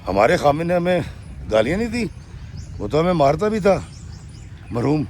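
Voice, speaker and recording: A man voicing a harsh, domineering old mother-in-law who scolds in a shrill tone. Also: darkish tone, a little hiss or hum, lightly acted. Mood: scolding.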